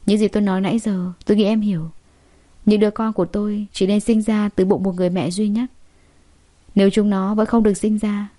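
Firm young husband, heir of a rich family, steady and determined, audiobook, read by a woman. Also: mid-range voice, lightly acted. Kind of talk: audiobook reading.

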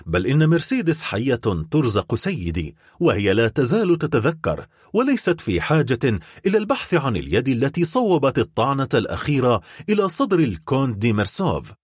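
A man's voice: medium pitch, big pitch swings, brisk, breathy edge, no room sound, studio quality. A man voicing a grieving, desperate middle-aged noblewoman who pleads and cries out in an audiobook reading. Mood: despairing plea.

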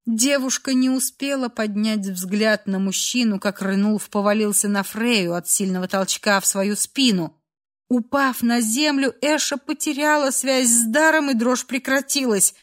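A woman narrating a dark fantasy story aloud in an emotive storytelling style. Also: fairly high pitch, a little slow. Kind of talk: dramatic audiobook narration.

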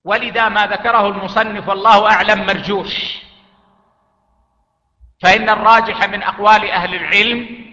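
A man teaching an Islamic jurisprudence lesson, speaking deliberately and repeating key phrases for emphasis. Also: high-pitched, fairly even intonation, pushed and bright. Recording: echoey lo-fi hall recording.

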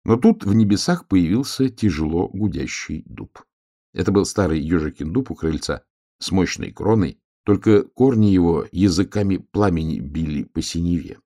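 Deep, gravelly male storyteller, animated reading of a children's tale. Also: moderate pace. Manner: expressive, lively storytelling. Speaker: narrator.

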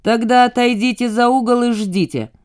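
A woman's voice: fairly high pitch, normal speed, a little mellow, clean tone, pitched above the performer's own voice, close to an everyday voice. A woman voicing a cheerful, boastful young male car thief with a jaunty, coaxing manner.

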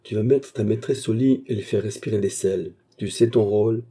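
Guy voicing a calm menacing baronet, gives orders, low and raspy. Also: normal speed. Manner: cool, commanding. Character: cold scheming English baronet, villain. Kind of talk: audiobook reading.

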